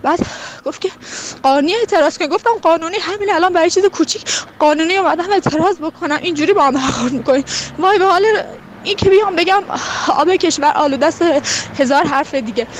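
A woman's voice: very high voice, a little hiss or hum. A young woman from Khuzestan giving a heated, indignant personal testimony. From Khuzestan, Iran.

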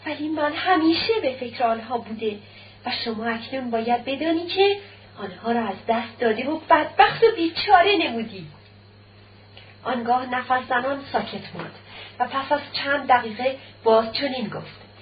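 A woman narrating a dramatic radio story in a measured, expressive reading, on a dull, distant old radio recording. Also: sits high.

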